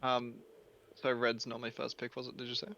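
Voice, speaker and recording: A man's voice: mid-range voice, monotone, brisk, bright, forceful tone, a little hiss or hum. Australian man, muffled call audio. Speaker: guest sports commentator. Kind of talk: casual live commentary chat.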